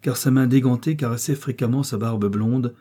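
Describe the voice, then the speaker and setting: A man reading a romantic novel aloud as an audiobook narrator, in a measured, expressive way. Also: mid-range voice, husky. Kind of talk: scripted narration.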